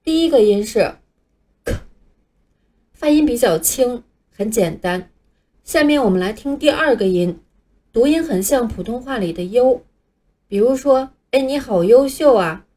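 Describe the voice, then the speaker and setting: A woman whose first language is Chinese leads a scripted English lesson. She explains each letter patiently and says it clearly for learners to repeat. Her voice sits a little high but has a soft, mellow tone. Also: lively intonation, moderate pace. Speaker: English teacher. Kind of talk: scripted teaching narration.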